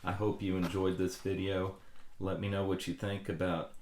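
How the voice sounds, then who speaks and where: A man's voice: low-pitched, level tone, normal speed, a little mellow. A man narrating an exploration vlog in an earnest, reflective manner. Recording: echoey, reverberant room with audible background noise.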